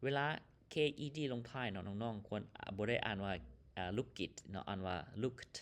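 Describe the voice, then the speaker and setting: A man's voice: lowish voice, brisk. A man from Laos teaching an English lesson, reading each English phrase and then explaining and translating it. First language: Lao.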